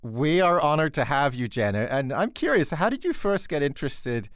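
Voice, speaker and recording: A man's voice: on the high side, big pitch swings, normal speed, no echo, studio quality. A man hosting a radio talk show, asking questions in a playful, wry way. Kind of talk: radio interview conversation.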